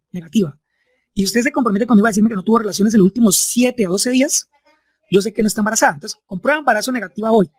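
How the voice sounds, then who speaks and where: A man with a high-pitched, husky voice teaches a medical class, with no echo in the recording. He explains each step in turn and often uses tag questions to make sure students are following.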